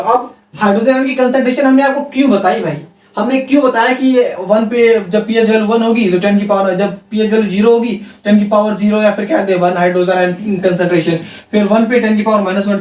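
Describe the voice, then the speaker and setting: A male teacher giving a chemistry lecture, repeating key terms and asking and answering his own questions. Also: sits high. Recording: roomy sound from a distant mic.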